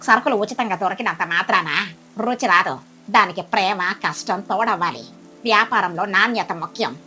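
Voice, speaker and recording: A woman voicing a wise female crow in a cartoon, speaking low, steady and gentle. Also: normal speed, faint music behind, lightly acted. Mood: kindly. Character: calm wise older female crow cook.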